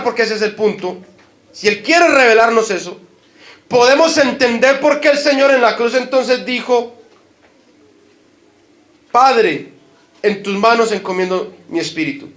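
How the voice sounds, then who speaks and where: With a very high-pitched, slightly bright voice and a moderate pace, a Colombian-accented pastor preaches to his congregation, asking them questions. His emphasis climbs as he stresses each point, and the hall echoes.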